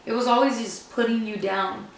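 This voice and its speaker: A woman's voice: fairly high pitch, steady tone, moderate pace. A woman co-hosting a casual, personal chat, telling things candidly in an anecdotal way. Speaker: podcast co-host. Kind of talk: casual personal faith conversation. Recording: very echoey room, distant mic, faint noise.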